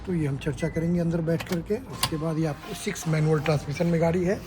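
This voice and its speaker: A man's voice: a little high, steady tone, fast talker. A man reviewing a car as he walks around it, listing features and checking in with tag questions like "right?". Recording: noisy on-location recording.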